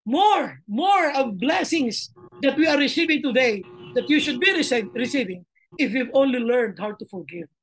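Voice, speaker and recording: A woman's voice: high-pitched, lively intonation, a little slow. A woman pastor preaching a sermon, emphatic and repeating her phrases. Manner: mixes Tagalog and English, emphatic, repeats phrases.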